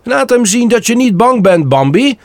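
A man's voice: very high-pitched, very animated, moderate pace, no echo, voice pushed up, full character voice. A man voicing a cheeky, playful young male rabbit in a storybook reading, teasing and bold.

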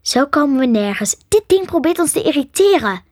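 A woman's voice: high voice, very animated, a little fast, darkish tone, no room sound, clean studio sound, pitched above the performer's own voice. A woman voicing a firm, bossy young woman who tames a dragon, in a storybook reading.

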